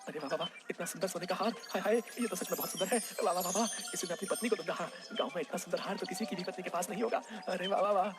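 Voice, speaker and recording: A man voicing a greedy, boastful village man who talks in loud, over-the-top exclamations in a cartoon story. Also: high-pitched, very fast, hardly any pauses, loud music behind the voice, close to an everyday voice. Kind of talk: cartoon dubbing.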